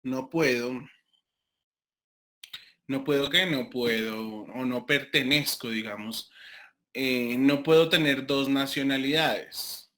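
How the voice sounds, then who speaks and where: Colombian guy teaching a class online, slow, lots of ums and restarts, bright voice. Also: mid-range voice. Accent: Colombian Spanish. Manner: slow, deliberate, with frequent fillers and restarts. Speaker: university lecturer.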